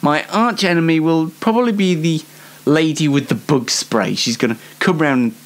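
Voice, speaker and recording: Talking at a moderate pace in a slightly high voice, a man hosts a solo show. He gives the audience a casual, funny monologue, rambling with hesitation and mocking himself.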